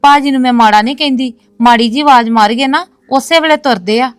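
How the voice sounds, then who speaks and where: A woman's voice: high-pitched, fairly quick, no echo, lightly acted. A woman playing an insistent, proud sister. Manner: earnest, insistent, repeating "no, no, sister". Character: woman defending her brother's family, proud. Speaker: actress in a web series. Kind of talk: domestic drama acting.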